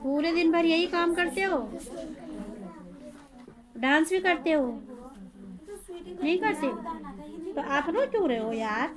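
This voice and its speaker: A woman with a high voice coaches a young pupil one-on-one, coaxing him along and asking the same simple questions again and again. Behind her, a room full of children chatters and clamors. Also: expressive, takes it slowly, long pauses, crowd noise. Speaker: home tuition teacher. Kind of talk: one-on-one tutoring of a small child.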